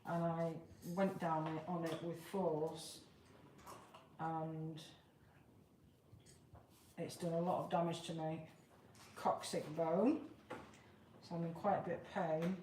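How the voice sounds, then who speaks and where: A woman in her fifties hosting a live craft tutorial in a plain-spoken, chatty, informal way. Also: lowish voice. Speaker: craft demonstrator, live show host. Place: large open workshop, indoors. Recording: roomy, noisy workshop, far from mic.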